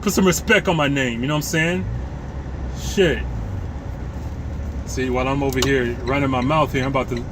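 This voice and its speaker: A man's voice: medium pitch, moderate pace, long pauses. A man in his thirties, a truck driver, rambling casually and joking while he drives, swearing freely and restarting his sentences. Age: 30s. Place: inside a moving truck cab in traffic. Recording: loud road and engine noise in truck cab.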